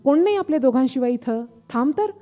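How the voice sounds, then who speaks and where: Brief: impatient young village lover calling out and pleading in a horror storybook reading, high voiced, played by a woman narrator. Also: expressive, fast talker, warm tone, soft background music. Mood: eager pleading.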